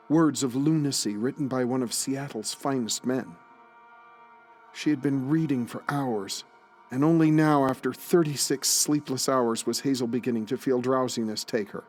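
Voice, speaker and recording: A man with a mid-range voice narrates a scripted audio drama, reading the story in a solemn, literary way.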